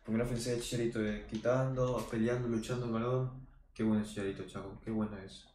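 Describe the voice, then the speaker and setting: Excitable young man reviewing a football game. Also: mid-range voice, fast talker, a little hiss or hum. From Peru. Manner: excitable, erupts into shouting over goals. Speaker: FIFA video reviewer. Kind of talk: gameplay commentary. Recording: echoey room with music behind.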